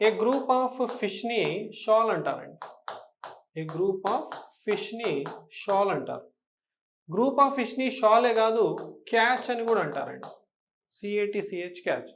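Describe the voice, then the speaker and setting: A man with a Telugu accent teaching English for an exam, explaining patiently and often checking that students follow. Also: high voice. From Telangana, India. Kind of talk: exam-prep lesson.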